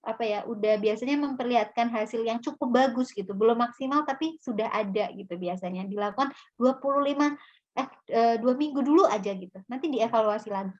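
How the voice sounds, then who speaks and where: Young female psychologist, chatty and filler-heavy, slightly higher voice, lo-fi video call. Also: fairly quick, darkish tone. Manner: casual, many fillers and restarts; acts out mother and child lines. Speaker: psychologist guest speaker. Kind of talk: parenting webinar talk.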